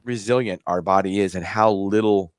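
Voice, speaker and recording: An American host of a health show speaks in a fairly low voice, steady in tone and at a normal speed. He explains things conversationally in an interview style, looping back over his phrases. The recording is very dry, with no room echo.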